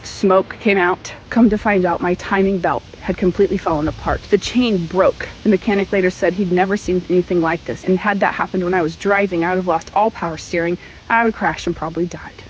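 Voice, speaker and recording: A woman from Missouri telling a personal faith testimony in an emphatic, conversational way with dramatic pauses. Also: on the low side, highs cut off, slight background noise. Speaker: storyteller sharing a faith testimony.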